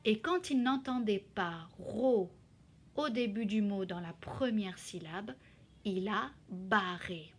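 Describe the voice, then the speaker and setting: A woman talks children through a classroom exercise at a very unhurried pace. She stretches out the syllables as she sounds them and keeps her voice at a medium pitch. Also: slightly rough. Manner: slow, careful, spelling out syllables. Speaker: teacher. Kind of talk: slow classroom explanation in two languages.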